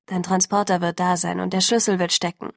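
A woman reading the lines of a brooding, protective teenage vampire boy, quiet and insistent, in an audiobook. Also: lowish voice, flat delivery, a little fast, creaky, no echo, studio quality. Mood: serious.

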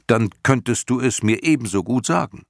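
A man's voice: mid-range voice, expressive, normal speed, creaky, no room sound, studio quality, voice pushed up. A man voicing a determined young boy hero who speaks urgently and insistently.

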